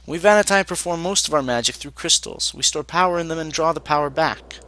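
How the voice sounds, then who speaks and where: A man's voice: a little high, a little fast, fairly bright tone, a little hiss or hum, natural voice, rough recording. A man voicing a young male Vahnatai apprentice mage who speaks stiffly and formally.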